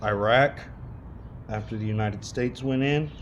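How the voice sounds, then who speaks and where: Heated, cursing man with a low voice. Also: a little hiss or hum. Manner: heated, swearing, with long pauses. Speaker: monologue speaker. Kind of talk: casual rant.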